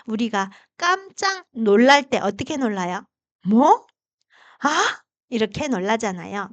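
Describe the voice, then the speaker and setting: A woman teaching Chinese pronunciation, patiently demonstrating tones with long drawn-out vowels. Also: on the high side, a bit bright, smooth, dry recording. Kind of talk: pronunciation lesson.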